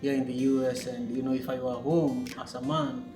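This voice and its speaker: A man from Kenya, hosting an interview in a relaxed way, with lots of "you know"s. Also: mid-range voice, brisk. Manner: relaxed, filler-heavy, many "you know"s. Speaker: podcast host. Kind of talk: casual interview. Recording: echoey room with guitar music behind.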